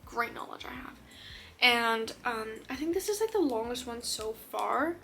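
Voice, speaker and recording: A woman chatting casually as a book vlogger, gushing and excitable, sometimes dropping to a whisper. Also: fairly high pitch, unhurried. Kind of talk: casual chat. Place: her room. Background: faint rain.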